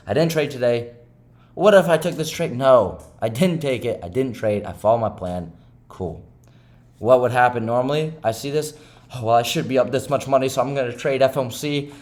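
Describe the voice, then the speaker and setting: A man vlogging about his day trading, talking to himself in a rambling, self-critical way and often tagging his points with "right?". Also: mid-range voice. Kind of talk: candid self-talk monologue.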